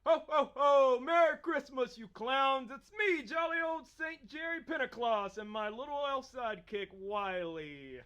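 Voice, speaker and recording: Casting: male actor as brash jolly Santa, high and forceful, hearty holiday comedy sketch. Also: animated, a little slow, few pauses, clean tone, heavily acted. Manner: booming, hearty ho-ho-ho delivery.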